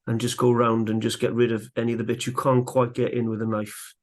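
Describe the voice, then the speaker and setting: A man teaching woodcarving live, chatting in a relaxed way as he works, a little out of breath. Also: medium pitch, fast. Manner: relaxed, chatty, talks while working. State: slightly out of breath. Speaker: woodcarving instructor. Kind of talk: live carving tutorial.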